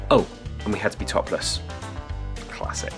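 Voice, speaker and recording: A man's voice: very high voice, creaky. A young man giving a jokey, wry travel vlog commentary on a rainforest trip. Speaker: travel vlogger. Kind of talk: casual travel vlog narration. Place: outdoors in tropical rainforest. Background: music.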